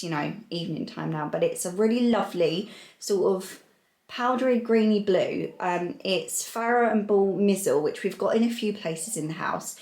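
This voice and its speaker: A young woman in casual vlog chat, rambling with lots of fillers, filmed at home on a handheld camera. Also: on the low side. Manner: chatty, rambling, many fillers. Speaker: lifestyle vlogger. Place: indoors at home.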